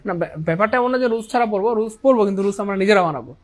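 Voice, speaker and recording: High-voiced man teaching an English lesson. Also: rapid-fire. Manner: asks the class questions and answers them himself in call-and-response; often says "inshallah" and "dear brothers and sisters". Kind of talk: online English grammar lesson.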